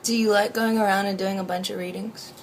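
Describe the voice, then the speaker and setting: A woman's voice: mid-range voice, fairly even intonation, fairly quick, a little hiss or hum. A woman interviewer asking dry, teasing questions in a casual interview.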